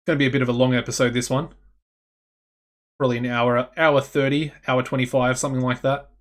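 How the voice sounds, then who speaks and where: An Australian man chatting casually as he plays a management game, thinking aloud and getting excitable. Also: mid-range voice, fairly quick. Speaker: gaming channel host.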